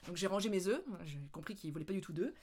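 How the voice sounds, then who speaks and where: A French woman vlogging, telling anecdotes in a casual, animated way with lots of laughter. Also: lowish voice, fast, breathy edge. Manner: animated, laughing, with playful English mimicry. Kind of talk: casual storytelling.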